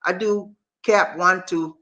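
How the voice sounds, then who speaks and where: Slow and steady, this man's high-pitched voice still sounds pushed and bright, and the audio is lo-fi. A livestream host from Charleston, South Carolina, USA, he talks to viewers in a homey, casual way with a Southern Gullah Geechee accent, frequently echoing his own phrases.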